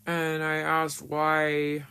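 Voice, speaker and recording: A narrator whose voice is disguised speaks slowly and deliberately. They recount a personal story in a casual, unscripted way. The telling is blunt and frank, with plenty of cursing. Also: mid-range voice, monotone, vocal fry, pushed and bright, clean tone. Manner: blunt and frank, swears often, emotional retelling. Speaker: storyteller recounting their own past.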